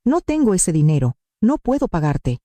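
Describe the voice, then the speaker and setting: A woman's voice: lowish voice, very animated, normal speed, warm tone, dry recording. A woman voicing a manipulative adult son in a spoken story, her own voice barely changed. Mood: pleading. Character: manipulative grown son, a man cornered.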